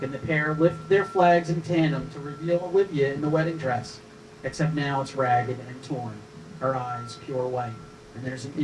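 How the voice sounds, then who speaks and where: At a live table read, a man serves as narrator, reading the scripted stage directions in a medium-pitched voice. The recording was made from a distance and has some noise.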